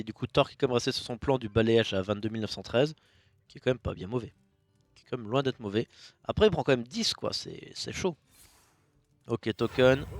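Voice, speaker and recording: A man giving casual, jokey commentary on a card game match, with sudden bursts of loud enthusiasm. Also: medium pitch, no room sound.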